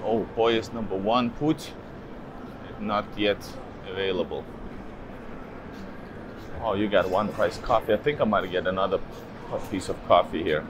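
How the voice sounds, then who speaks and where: Holding his camera out at arm's length, a man in his thirties chats to viewers he addresses as "guys" while walking from outside a city railway station into its large hall. His voice is lowish and measured, with frequent pauses and plenty of fillers as he thinks aloud. The surroundings are noisy.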